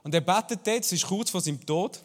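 Swiss pastor preaching in a reverberant hall. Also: male voice, high-pitched, fairly quick. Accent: Swiss German. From Switzerland. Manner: conversational, addresses listeners directly. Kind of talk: sermon.

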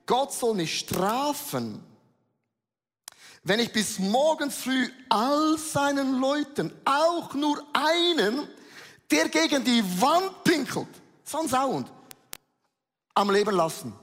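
A man's voice: sits high, lively intonation, unhurried. A man voicing a furious, vengeful biblical warrior in a raised, heated outburst. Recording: long reverb of a large hall.

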